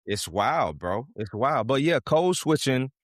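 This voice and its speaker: A man co-hosting a podcast, talking things through in a measured, reflective way and telling stories from his own life. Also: mid-range voice, big pitch swings, dry recording, studio quality. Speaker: podcast co-host. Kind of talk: casual conversation.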